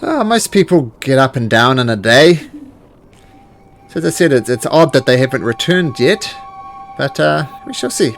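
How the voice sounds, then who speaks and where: Friendly, generous male outfitter for a tabletop game, voiced by a man, folksy and obliging, lively swooping pitch. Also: moderate pace, creaky, faint music behind. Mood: matter-of-fact, helpful. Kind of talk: improvised tabletop role-play.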